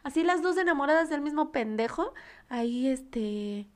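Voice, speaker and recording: A young Mexican woman telling stories in casual chat, slangy and animated. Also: high-pitched, normal speed. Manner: slangy, animated storytelling with acted-out cries.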